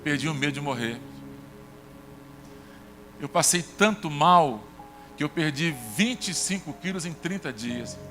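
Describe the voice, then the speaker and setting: A man's voice: lively intonation, measured pace, pauses often, a bit bright. Brazilian man, pastor, sermon storytelling, acted dialogue, long church reverb, music behind. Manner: conversational storytelling, acts out dialogue with shifts in pitch. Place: church sanctuary.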